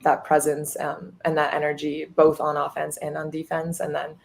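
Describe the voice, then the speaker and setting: A woman in her twenties, a college goalkeeper appearing as a podcast guest, chats in an upbeat interview full of fillers. Her voice is deep, monotone and creaky at a normal speed, with slight background noise.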